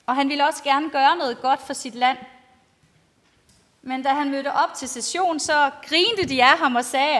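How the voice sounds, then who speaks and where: Preaching in a big reverberant church, a woman pastor tells a story to the congregation using plain, simple words. Her voice is high-pitched and a bit bright, and long hall-like reverb fills the audio.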